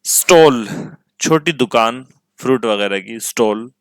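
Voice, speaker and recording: A man's voice: mid-range voice, slow, clean tone, no echo. A man teaching English vocabulary, repeating each word and its meaning and checking whether the class follows. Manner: asks "ठीक है?" to check understanding. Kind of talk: vocabulary lesson with translations.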